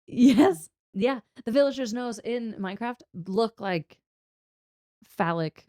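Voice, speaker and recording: A woman's voice: fairly high pitch, animated, slow, dark tone, no room sound, studio quality. Laughing, rambling woman podcast host. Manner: rambling, laughs often, swears casually. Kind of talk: casual chat.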